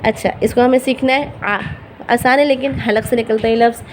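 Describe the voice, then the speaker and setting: Slowly and patiently, a woman repeats each Arabic letter sound so beginners can learn to read the Quran; Urdu is her first language. Her slightly high voice holds a steady tone, and the rough recording carries a little hiss or hum.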